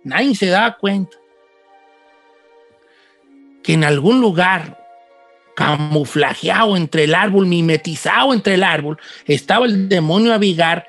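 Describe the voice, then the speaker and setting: A man spins a spooky legend in a casual, folksy style, tossing in chatty asides. His voice sits high for a man. Faint music plays underneath. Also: measured pace, long pauses, fairly bright tone. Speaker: storyteller host. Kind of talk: casual spoken legend telling.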